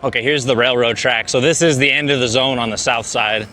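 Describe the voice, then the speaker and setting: Riding his bike through city streets, a vlogger keeps up casual, chatty talk to the camera, relaxed and dropping "dude" often. His mid-range voice is pushed and bright, he talks a little fast, and there's a little hiss or hum.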